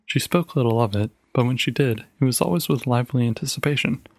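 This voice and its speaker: A man narrates a short story in a steady, even storytelling voice. His pitch sits in the middle range, neither high nor low. The recording is dry and close, with no room sound. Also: fast, no room sound. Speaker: podcast narrator. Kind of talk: audiobook reading of a short story.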